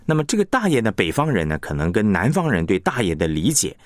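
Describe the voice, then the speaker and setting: Male radio tutor with sweeping pitch. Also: big pitch swings, quick pace, dry recording, studio quality. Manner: demonstrates word stress with emphatic example words. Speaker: radio broadcasting instructor. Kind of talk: radio lesson on announcing technique.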